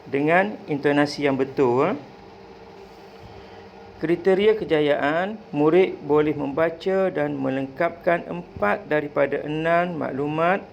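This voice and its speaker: A male primary school teacher, giving a clear, explanatory recorded lesson with "ah" fillers. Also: a little high, slight background noise, rough recording.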